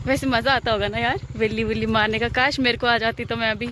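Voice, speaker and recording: A woman's voice: on the high side, steady tone, fast talker. A young woman vlogging in a casual, chatty and teasing way, talking to her phone camera outdoors. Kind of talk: casual vlog chat. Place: outdoors by a road. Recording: noisy outdoor phone audio. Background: traffic and motorbikes.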